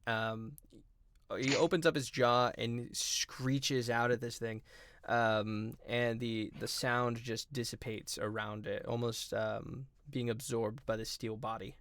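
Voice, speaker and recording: A man running a tabletop role-playing game as game master, narrating actions with many filler ums. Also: medium pitch. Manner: relaxed, many filler ums, quick rules talk.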